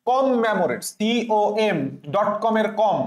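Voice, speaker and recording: A man's voice: sits high, animated, moderate pace. Man drilling spellings in an echoey room. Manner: repetitive, drills letters, asks students to repeat. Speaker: exam prep teacher. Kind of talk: spelling lesson, spelling out letters. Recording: roomy echo.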